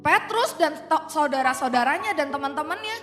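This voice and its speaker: A woman preaching an animated, playful online youth sermon. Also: sits high, a little fast. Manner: animated, playful, mixes in English phrases. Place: online church service in a large hall. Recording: reverberant hall with faint music.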